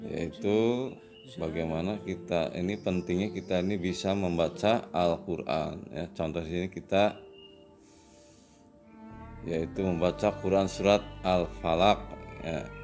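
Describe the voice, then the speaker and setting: A man teaching a children's lesson in a patient, slow manner, often adding "ya" as he explains. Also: sits low, steady tone, faint music behind. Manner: slow and patient, with frequent "ya" tags and louder drawn-out recitation. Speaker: religious studies teacher.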